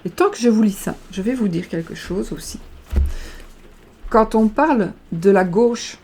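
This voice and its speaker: A woman's voice: medium pitch, expressive, measured pace, warm tone, husky. A woman reading fortune cards aloud in a casual tutorial, hesitant and stumbling over her words. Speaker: card reader.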